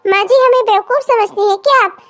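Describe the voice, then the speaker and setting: A jealous young cartoon daughter-in-law with a sharp tongue. She sounds sarcastic and whiny, in a piercing, very high voice. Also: fairly quick. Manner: sarcastic, complaining, falsely sweet. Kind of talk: cartoon comedy voice acting.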